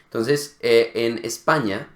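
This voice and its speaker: A man's voice: medium pitch, takes it slowly, reverberant. A man co-hosting a casual Spanish lesson, explaining accents and demonstrating sounds. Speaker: Spanish teacher co-host.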